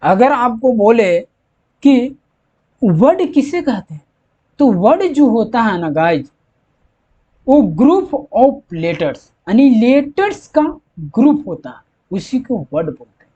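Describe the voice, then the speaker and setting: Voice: mid-range voice, very animated, unhurried, warm tone, breathy edge. An English teacher explaining grammar step by step, repeating each point and answering their own questions. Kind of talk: slow classroom explanation. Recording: dull lo-fi recording.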